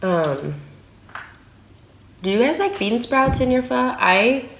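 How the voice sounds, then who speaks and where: Eating at her dining table in a small home room, a San Francisco woman in her thirties chats in a relaxed way for her food vlog. Her voice is on the high side and slow, captured reverberantly by a phone camera on the table with slight background noise.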